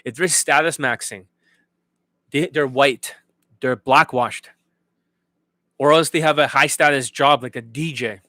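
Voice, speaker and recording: Medium-pitched and sharp in tone, this man speaks unhurriedly and pauses often. In a profane, blunt livestream rant, he coaches viewers on dating and repeatedly asks if they get it. No room sound comes through.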